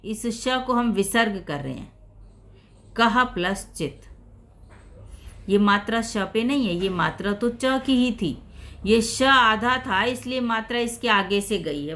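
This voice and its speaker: A woman explains a Sanskrit lesson in Hindi, going over each rule patiently and repeating her examples. Her voice sits a little high and sounds bright and sharp. She takes her time, speaking at a slow, deliberate pace. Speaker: Sanskrit teacher.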